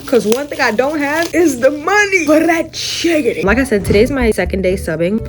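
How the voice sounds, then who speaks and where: A woman in her twenties, a substitute teacher, chatting casually in a vlog and telling stories with lively put-on voices. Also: sits high, normal speed, music in the background. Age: 20s.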